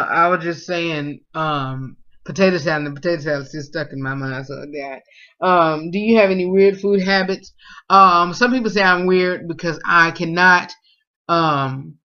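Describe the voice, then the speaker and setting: A young man's high, sharp voice carries this relaxed food tag vlog, where he reads questions aloud and answers them with heaps of fillers. It's recorded indoors in a small home room on a close-range webcam, giving dull lo-fi sound.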